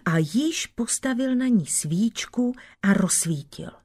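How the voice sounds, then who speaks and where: A woman reading a folk tale aloud in a measured storytelling manner, dropping to soft whispers now and then. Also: a little high, animated, husky.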